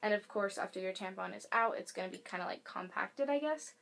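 A woman's voice: medium pitch, brisk, creaky, fairly bright tone. A young woman vlogger at home giving a casual product demonstration, rambling with lots of fillers and self-corrections. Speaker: beauty and advice vlogger. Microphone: camera mic. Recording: faint hiss from air conditioner.

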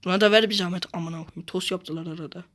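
Guy raging at a football game, swears every other word, mutters the same thing again and again, then yells out loud. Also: high-pitched, steady tone, quick pace. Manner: constantly swearing, exasperated, muttering and bursting into shouts; repeats the same phrase over and over. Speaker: gamer playing a football video game. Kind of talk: casual gameplay commentary.

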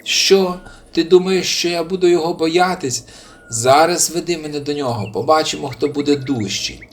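A man's voice: mid-range voice, normal speed, close to an everyday voice. A man voicing a furious, hungry male bear who bullies and roars at everyone around him, in a storybook reading. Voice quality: roaring, shouting.

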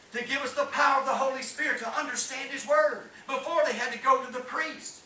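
A fervent male preacher with a high, bright, forceful voice delivers a Pentecostal-style sermon, rising and falling and calling for amens to a small church-hall congregation. The room is echoey, heard from far off by a camera with no mic seen, with faint hiss.

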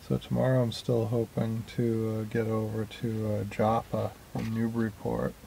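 Man, gravelly voice, very dark tone, halting casual talk, small boat cabin, faint background noise. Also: lowish voice, monotone, low-quality recording. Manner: slow, halting, many fillers. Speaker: small boat sailor vlogging. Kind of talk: casual spoken log.

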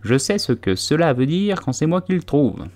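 A man's voice: fairly high pitch, big pitch swings, moderate pace, a little mellow, voice pushed up. A man voicing a literal-minded, quibbling duck in a storybook reading.

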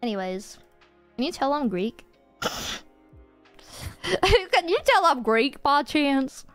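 Animated giggly woman streamer, high voice. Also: slow, faint music behind. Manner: giggly, animated, swears casually. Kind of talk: casual stream chat.

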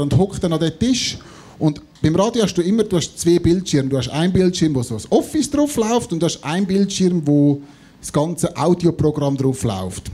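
A man in his thirties with a Swiss German accent, telling an anecdote live on stage in an animated way, acting out the dialogue. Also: high voice, a little hiss or hum. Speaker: comedy show panellist. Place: on stage in a theatre before an audience. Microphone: handheld or stand microphone held close.

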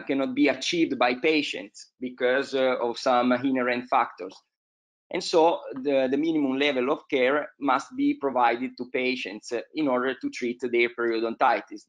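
A man's voice: medium pitch, lo-fi sound. Hesitant man giving a dental lecture. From Italy. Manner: hesitant, many filler sounds. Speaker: periodontology lecturer. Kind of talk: online conference presentation.

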